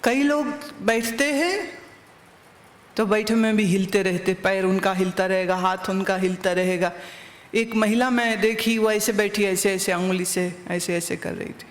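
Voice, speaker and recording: In a spacious, reverberant recording, a woman delivers a satsang discourse as a spiritual teacher, teaching through anecdotes and questioning her listeners directly with rhetorical questions. She speaks at medium pitch without hurrying.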